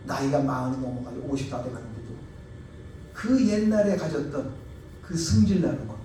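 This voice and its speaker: Korean pastor preaching in an echoey church. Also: male voice, medium pitch, normal speed. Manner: tells stories, acting out quoted voices; emphatic, swings between loud and soft. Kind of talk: sermon. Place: church sanctuary. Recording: echoey church hall, mic far off, faint noise.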